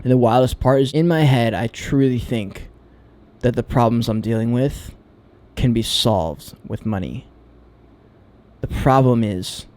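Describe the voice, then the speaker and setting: A man's voice: mid-range voice, mellow. A man vlogging a candid, reflective monologue about himself. He talks in a searching, hesitant way and swears freely.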